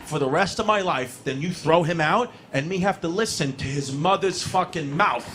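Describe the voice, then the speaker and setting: A man voicing a gruff, blunt, middle-aged father who makes threats in a matter-of-fact way. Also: on the high side, moderate pace, a bit bright, slight background noise, voice pushed down, close to an everyday voice. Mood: menacing.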